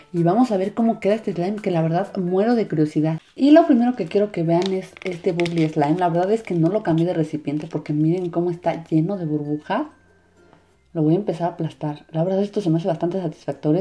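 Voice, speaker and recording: A woman's voice: lowish voice, warm tone. A woman hosting a casual hands-on demonstration aimed at children. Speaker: host of a children's toy and slime channel.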